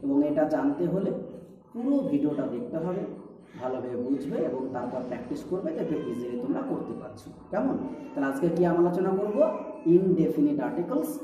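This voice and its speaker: A man's voice: fairly high pitch, big pitch swings, a little fast, dark tone. Patient male teacher in an echoey room. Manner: patient, repeats points with rhetorical questions. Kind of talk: explaining a lesson. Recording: echoey, distant, dull-sounding room recording.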